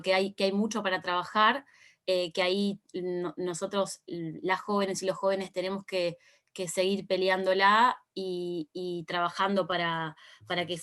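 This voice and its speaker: A young Uruguayan woman speaks earnestly on an online panel about youth and politics, stopping and restarting with fillers. Her voice sits at a medium pitch and comes through a video call. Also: fairly bright tone. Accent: Uruguayan Spanish. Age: young adult. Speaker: youth party activist panelist.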